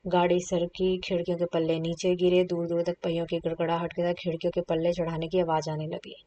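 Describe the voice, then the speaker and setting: A woman's voice: fairly low pitch, completely flat delivery, brisk, dark tone, far from the mic, muffled recording, slight background noise. A woman teacher reading a short story aloud and explaining it, with casual asides. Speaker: Hindi literature teacher.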